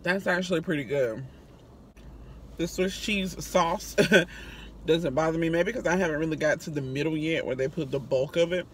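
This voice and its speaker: A woman's voice: deep voice, normal speed. A woman hosts a casual food review vlog and talks to her viewers in a chatty, friendly way. She records from inside a vehicle. A faint hum of road noise sits in the background. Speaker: food reviewer and channel host.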